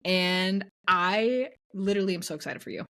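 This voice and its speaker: An excitable young woman chats on a podcast with her friends. Her voice sits a little low for a woman, and she gets animated fast, talking through her enthusiasm. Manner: animated, enthusiastic, breaks into song. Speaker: podcast co-host. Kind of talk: casual chat.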